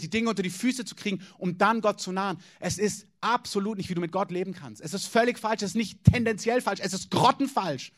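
High-voiced preaching pastor. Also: male voice, a bit bright. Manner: direct, informal preaching with questions to the congregation. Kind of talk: sermon.

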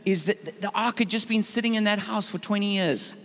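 A man's voice: high-pitched, a little fast, creaky, fairly bright tone. A man preaching a sermon in short phrases for an interpreter, telling a Bible story and acting out the voices of its figures. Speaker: guest preacher. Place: church hall. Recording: reverberant church hall.

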